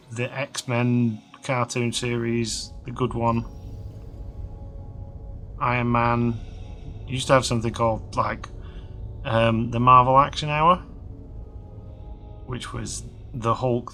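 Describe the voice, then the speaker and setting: A man in his thirties, slightly hoarse, rambling casually with lots of fillers while commentating a video game. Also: medium pitch, level tone, slow, pauses often, a bit bright, soft background music. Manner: rambling, chatty, many fillers and restarts. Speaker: game let's-play host.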